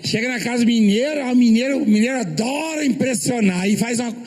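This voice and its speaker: A man's voice: very high-pitched, fairly quick, a little mellow, slight background noise. A man from Minas Gerais preaching a humorous church sermon. He tells jokes, asks the congregation questions, and acts out the quotes. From Minas Gerais, Brazil.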